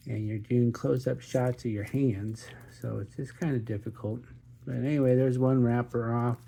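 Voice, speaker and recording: A man's voice: medium pitch, vocal fry, dark tone. A man hosting his own channel, cracking puns and chatting casually while he unboxes watches. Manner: jokey, punning, chatty. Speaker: watch reviewer, channel host.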